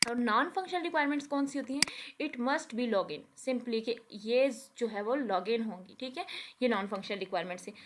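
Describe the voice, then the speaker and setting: A woman giving a recorded lecture over a shared page. She explains step by step, often checking with "theek hai", and reads English lines slowly word by word. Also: on the high side, noisy background. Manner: explains with repeated "theek hai" and Urdu-leaning words.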